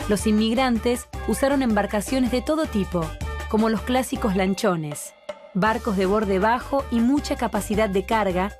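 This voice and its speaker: A woman narrates a documentary in a calm, measured voice that sits a little high. She explains each point at an even, unhurried pace. Music plays clearly underneath the voice-over.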